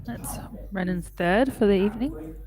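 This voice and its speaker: A woman's voice: mid-range voice, moderate pace. A woman giving conversational live commentary on darts matches. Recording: clear crowd noise behind voice. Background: crowd at a darts event.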